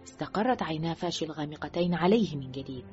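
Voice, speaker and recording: A woman narrating a thriller audiobook in an expressive, scripted reading style, letting her voice drop low and quiet at the ends of sentences. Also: fast talker. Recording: dull lo-fi recording with faint music.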